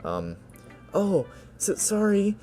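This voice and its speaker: A timid, soft-spoken teenage girl, as a man puts her on in a game reading, climbs into a high, lilting register. She hesitates, stammers and keeps apologizing. Gentle music sits quietly behind. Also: wildly swooping pitch, slow pace, heavily acted. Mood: shy, hesitant. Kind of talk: video game voice-over reading.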